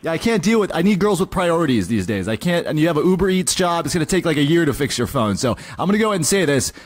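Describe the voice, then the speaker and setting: A man in his late thirties co-hosting a comedy radio show, delivering bits in a deadpan, mock-serious manner. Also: a little high, quick pace. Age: late 30s. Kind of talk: scripted comedy bit.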